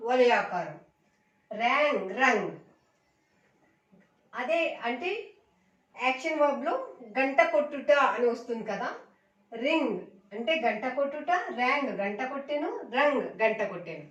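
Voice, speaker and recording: A woman with a fairly high voice leads a vocabulary drill, chanting each word and its meaning in a steady, repetitive pattern. She stands back from the mic, and the room gives her voice a noticeable echo. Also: far from the mic, muffled recording. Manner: recites word lists in a repetitive chant, addresses viewers as friends. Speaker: English teacher. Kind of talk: slow drilled vocabulary lesson.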